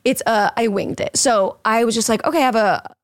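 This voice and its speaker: Talking fairly quickly in a fairly high voice, a young dancer and podcast host chats casually, rambling, leaning heavily on "like" and laughing a lot.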